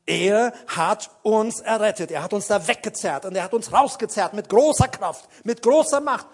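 A pastor preaches a sermon in a husky, high-sitting voice at a normal pace. He speaks dramatically and addresses his listeners directly, using fillers as he recalls details.

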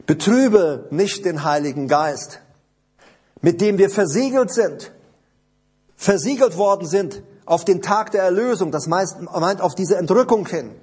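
A man preaching a sermon in a slow, emphatic, deliberate way. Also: high voice, animated, darkish tone, husky.

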